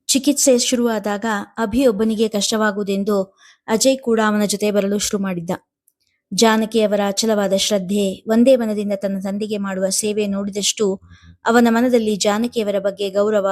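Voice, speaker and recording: Brief: woman storyteller, steady scripted narration of a family drama. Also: medium pitch, normal speed.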